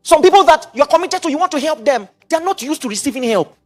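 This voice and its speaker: A middle-aged Nigerian man preaching a sermon, mixing in Pidgin asides and quick repetitions. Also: very high voice, expressive, faint music behind. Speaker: pastor.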